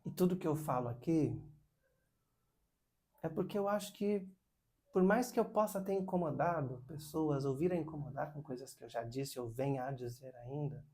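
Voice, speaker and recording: A man hosting his own video, telling a story in a casual, animated monologue. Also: moderate pace. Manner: animated, with many pitch swings and acted quotes. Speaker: video host.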